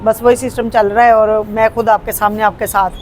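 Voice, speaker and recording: Interview guest: Punjabi-accented woman, unhurried and hesitant, recorded outdoors with faint street noise. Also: on the high side, level tone. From Pakistan. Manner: hesitant, with frequent fillers and restarts. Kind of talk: casual conversational interview.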